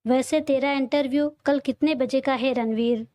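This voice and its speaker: A woman's voice: high voice, steady tone, normal speed, dark tone, no echo, clean studio sound, natural voice. A woman voicing a cheerful, teasing young man who is a loyal friend, in a read-aloud audio story. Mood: friendly.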